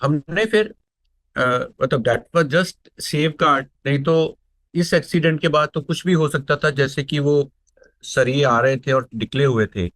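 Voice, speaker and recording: A middle-aged man from India, sharing a personal devotional testimony in an unhurried, reflective storytelling manner and slipping into phrases. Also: fairly high pitch, a bit bright, dry recording. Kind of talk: unscripted spoken testimony.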